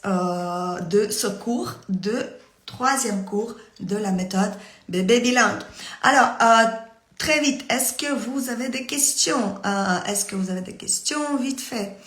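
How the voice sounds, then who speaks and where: Woman English teacher on a live stream, halting delivery, roomy laptop-mic sound. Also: on the high side, a bit bright. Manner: halting, many fillers and restarts. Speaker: English teacher coaching parents.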